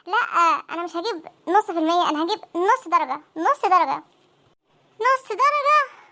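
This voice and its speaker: A woman doing squeaky, frantic cartoon teens. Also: quick pace, a bit bright. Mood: panicky. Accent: Egyptian Arabic. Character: panicky teenage students dreading exam results. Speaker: voice actor for a comic cartoon. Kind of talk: comic cartoon dialogue.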